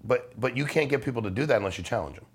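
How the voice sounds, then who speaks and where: This podcast guest, a middle-aged life insurance salesman, has a mid-range voice with a breathy edge and talks very fast and animatedly. He's casual and persuasive, making blunt, emphatic points laced with slang and swearing.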